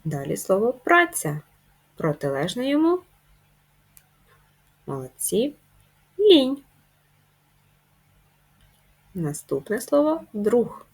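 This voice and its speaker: Woman teacher, very husky, lively voice. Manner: slow, deliberate dictation with sudden high rises on key words. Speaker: primary school teacher. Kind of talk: video lesson for young children.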